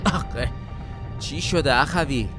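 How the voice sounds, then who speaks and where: An actor playing a calm, humble male division commander with a mild, conciliatory way of talking, in a radio drama. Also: mid-range voice, lightly acted. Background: music.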